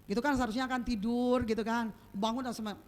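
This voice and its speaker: Animated woman preaching with sound effects. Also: a little high, quick pace, slight background noise. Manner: lively storyteller with sound effects, keeps asking the congregation "right?". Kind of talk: sermon with personal storytelling.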